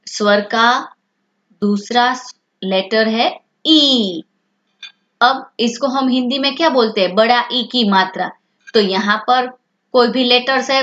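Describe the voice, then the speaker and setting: A woman's voice: on the high side, fairly bright tone. A woman teaching a language lesson to children, asking questions and then answering them herself. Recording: dull lo-fi sound.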